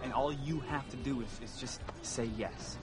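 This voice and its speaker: A man's voice: mid-range voice, moderate pace, lightly acted. Actor as an earnest, persuasive young guy, drama clip with music. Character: earnest young man offering a trip abroad.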